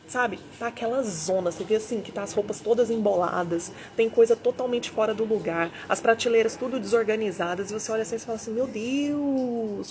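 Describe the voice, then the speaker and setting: A woman's voice: medium pitch, slight background noise. A woman, a business consultant giving a teaching talk into a Bluetooth mic, acting out both sides of her anecdotes. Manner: animated storyteller, voices both sides of dialogues.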